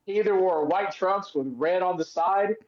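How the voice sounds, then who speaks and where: A man's voice: high voice, moderate pace, lo-fi sound. A man co-hosting a podcast, telling stories in a casual chat and acting out the voices of people he quotes. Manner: animated, acts out quoted voices. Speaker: podcast co-host, former wrestler.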